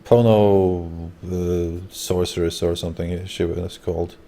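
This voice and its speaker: Man, livestream host, deep gravelly voice, casual chat. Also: level tone, unhurried, mellow.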